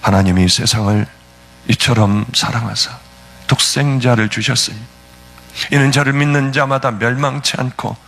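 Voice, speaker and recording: A man voicing the solemn, gentle voice of God, speaking low and measured within a sermon. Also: a little hiss or hum, lightly acted.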